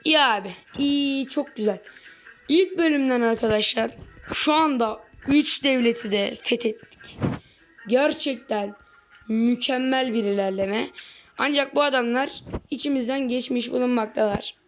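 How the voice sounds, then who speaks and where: High-voiced excitable woman gaming commentator. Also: moderate pace, over music. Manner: excitable, yells at the game, slangy. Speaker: gaming video creator. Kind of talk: let's play game commentary. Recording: lo-fi with faint noise.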